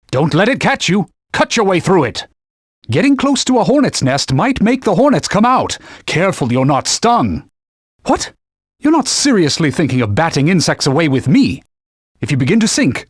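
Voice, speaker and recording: These video game voice clips feature a man as a talking sword, a sidekick guide that is haughty and pompous and scolds its wielder formally and sternly. With a slightly husky voice, he turns shrill when alarmed. The recording is clean studio sound from a dry studio mic, free of room sound.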